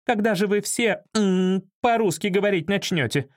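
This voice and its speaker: A man reading an audiobook, voicing a frantic, shrill woman who shrieks and scolds. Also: moderate pace, lightly acted. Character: shrill frantic woman, fashion designer's assistant.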